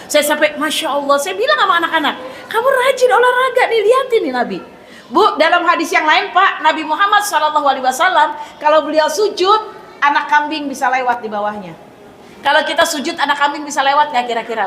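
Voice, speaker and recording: A middle-aged woman giving a mosque sermon, telling stories in a lively way and often speaking straight to the congregation. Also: high voice, slight background noise. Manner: lively storytelling, addresses the congregation constantly; acts out dialogue in raised voice. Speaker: preacher. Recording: echoey hall with faint ambience.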